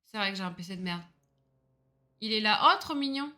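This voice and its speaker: A bright, sharp-toned woman chats away on a gaming livestream. She rambles and mocks herself, laughs a lot and swears without a second thought. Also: mid-range voice, animated, fairly quick. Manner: rambling and self-mocking, laughs often, swears casually. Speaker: streamer. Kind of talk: casual gaming livestream chat.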